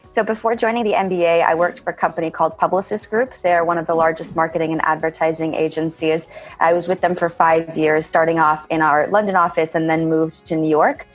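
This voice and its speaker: A woman around thirty, from Bulgaria and California, speaks in a low voice that stays level. She gives measured interview answers with a habit of saying "kind of." Faint music plays behind her. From born in Bulgaria, raised in California. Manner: measured, often says "kind of". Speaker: MBA graduate interviewee.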